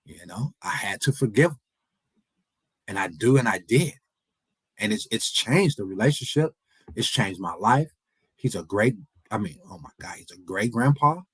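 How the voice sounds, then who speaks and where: A man's voice: lowish voice, expressive, normal speed, long pauses, a bit bright, slightly rough, dry recording, low-quality recording. A man in his forties giving an earnest motivational speech, repeating his points and imploring the audience. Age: 40s. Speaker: motivational speaker. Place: event hall.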